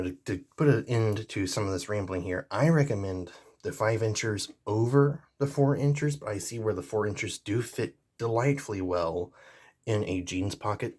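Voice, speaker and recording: A man's voice: fairly low pitch, a little mellow. A man reviewing pocket pliers in a casual, rambling vlog. He is easygoing, with many fillers and restarts. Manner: jokey sign-off.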